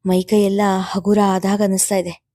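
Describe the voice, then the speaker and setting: A woman reading the lines of a lively, refreshed young woman. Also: medium pitch, moderate pace, no room sound, lightly acted.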